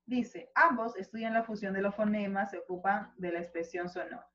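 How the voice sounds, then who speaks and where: A woman with a Peruvian accent teaches an online school class at a patient, unhurried pace. Her voice is mid-pitched and she keeps checking in with her students. The recording is slightly muffled and lo-fi. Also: fairly bright tone, slight background noise. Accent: Peruvian Spanish. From Peru. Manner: explains slowly with many rhetorical "¿no?" checks. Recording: slightly dull lo-fi audio.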